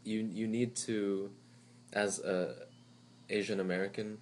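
A man in his twenties with a deep, low voice talks casually, full of fillers and false starts. A faint hum sits under the recording. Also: a little slow. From Taiwan. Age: 20s. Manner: relaxed, rambling with many fillers and restarts. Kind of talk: casual chat.

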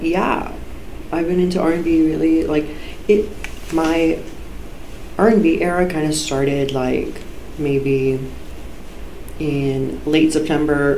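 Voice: mid-range voice, mellow. A podcast host chatting casually and informally, swearing freely and breaking off mid-thought, in an echoey room on a poor microphone. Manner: informal, sweary, self-interrupting. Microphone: low-quality microphone. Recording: echoey room, poor mic, background noise.

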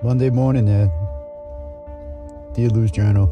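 A man's voice: lowish voice, fairly even intonation, unhurried, natural voice. A man playing a tired married factory worker who mutters and rambles through his journal entries in a comedy voice-over. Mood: brooding. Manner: rambling, muttering, wry self-talk. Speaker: journal writer. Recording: muffled lo-fi with music behind.

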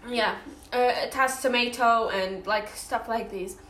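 Young woman vlogger, slightly high voice, chatty with lots of fillers, roomy echo. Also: a little slow, bright, forceful tone. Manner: chatty, full of fillers and restarts. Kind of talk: casual chat while eating.

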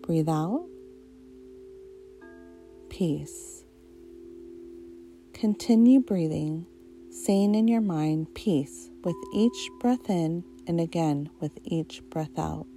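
A woman leads a guided relaxation like a slow hypnotist. Her voice is soft, very mellow and a little low. She speaks in short, unhurried phrases with long pauses, over faint music. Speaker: guided meditation narrator.

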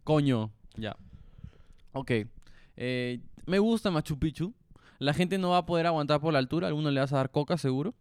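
A young man co-hosting a podcast in casual chat, soft-spoken, joking and laid-back. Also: a little high, normal speed, clear, resonant tone, no echo. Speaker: podcast co-host.

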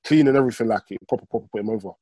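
A man's voice: mid-range voice, rapid-fire, mellow, no echo. A man with a London roadman accent chatting casually as a podcast co-host, emphatic and slangy, repeating his points. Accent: London, urban roadman slang. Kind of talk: casual chat.

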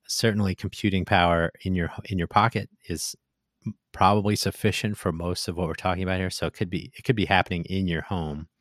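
A man's voice: sits low, no echo, studio quality. A man co-hosting a casual tech talk, thoughtful and hesitant, restarting his sentences often.

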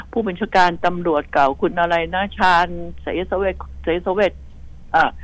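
A woman talking through the news on radio with blunt, indignant opinions, circling back and repeating phrases as she goes. Her voice sits in a middle pitch and comes through a studio microphone in a dry, close room. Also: no echo, rough recording. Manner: outspoken, indignant, rambling with many repeats.

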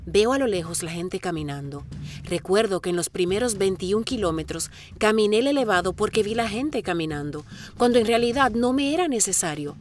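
A middle-aged woman narrates her marathon in the first person, with reflective inner-monologue narration and sudden bursts of excitement. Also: medium pitch, fairly quick, slight background noise.

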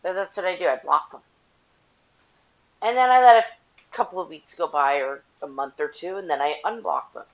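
A blunt, frank woman hosts a podcast while doing her dishes, her low, gravelly voice coming through a headset mic. The recording has a dull, tinny, metallic tin-can sound. A faint clatter of dishes runs underneath her talk. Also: very animated, moderate pace, long pauses. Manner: blunt and profane, frank opinions. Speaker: podcast host. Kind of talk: casual solo podcast chat. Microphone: headphones with mic.

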